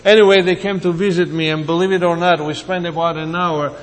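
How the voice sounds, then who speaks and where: A man in his seventies from Greece, giving a halting, reflective sermon with personal asides. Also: fairly high pitch, fairly even intonation, in a large hall. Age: 70s. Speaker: preacher.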